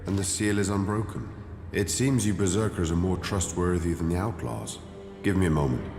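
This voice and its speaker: Haughty game cleric, low pitch, formal diction, condescending, long echoing reverb. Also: male voice, moderate pace, darkish tone. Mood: formal, measured. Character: stern, haughty male cleric leader, formal and measured. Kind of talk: video game dialogue. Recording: echoey hall reverb, music underneath.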